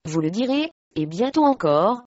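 A woman's voice: medium pitch, big pitch swings, normal speed, a little mellow, dry recording, lightly acted. Woman reading harsh angry medieval lord, storybook, dry, slightly muffled sound. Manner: harsh questioning. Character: stern angry medieval English lord, husband.

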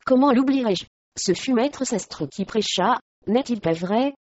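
A frail young noblewoman facing death , voiced by a woman storyteller speaks softly and serenely, a little lower than a plain speaking voice. The recording is dry and dull, with little treble. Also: lively intonation, unhurried, no echo. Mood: hushed. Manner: soft, serene. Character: young frail noblewoman, calm condemned martyr.

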